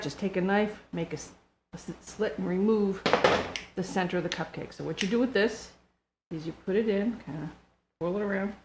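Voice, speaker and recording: An older woman walks through a recipe in a chatty, homespun way, explaining each step as she goes. Her voice sits in an ordinary middle range. The recording is noisy, with clicks in the background. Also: mid-range voice. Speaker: home baker. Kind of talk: casual cooking demonstration.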